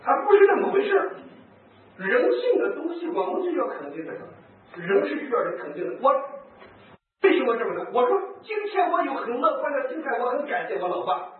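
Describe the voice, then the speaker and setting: Animated priest, distant echoey hall. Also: male voice, very high voice, fairly quick, phone-quality sound. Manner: animated storyteller, acts out quoted speech, chuckles. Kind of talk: lively talk with anecdotes to priests and nuns.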